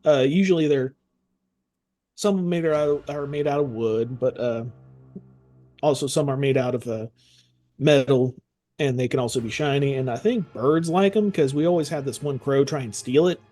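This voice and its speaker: Halting man improvising at a tabletop game. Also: medium pitch, warm tone. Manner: halting, thinking aloud. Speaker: player in a tabletop role-playing game. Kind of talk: casual improvised game role-play and description.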